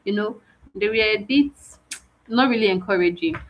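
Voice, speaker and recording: A woman's voice: mid-range voice, moderate pace. A woman giving an onboarding briefing to students, firm and stern, repeating her warnings one after another. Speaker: program organizer. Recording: dull lo-fi audio.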